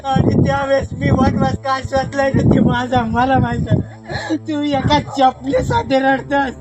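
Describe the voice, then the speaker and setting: Grieving young farmer's son, very high voice, bitter, with a film score behind, played by a young man. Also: measured pace, poor audio. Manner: bitter, emotional. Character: young farmer's son mourning his hanged father. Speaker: actor. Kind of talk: short film acting. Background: film music.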